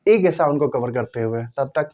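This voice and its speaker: A man teaching English pronunciation in a slow, repetitive way, drawing out the example words. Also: mid-range voice, lively intonation, dull audio. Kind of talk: explanatory lesson to viewers.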